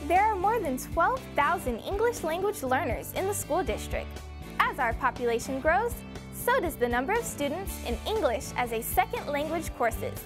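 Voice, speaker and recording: Bright-pitched young woman reading news. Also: big pitch swings, moderate pace, over music. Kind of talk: scripted news narration.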